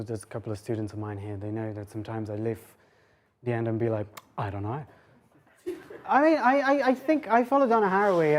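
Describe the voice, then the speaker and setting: Speaking in a low, slightly mellow voice, this female lecturer rambles and pokes fun at herself as she thinks aloud during an academic talk that includes audience questions.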